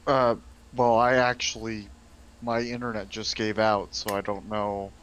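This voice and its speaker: A man's voice: lowish voice, little pitch movement, unhurried, a bit bright, clear, resonant tone, highs cut off. A man playing a tabletop game over an online call, hesitant, his voice cutting in and out on a bad internet connection. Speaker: player. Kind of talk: casual tabletop role-play over a voice call.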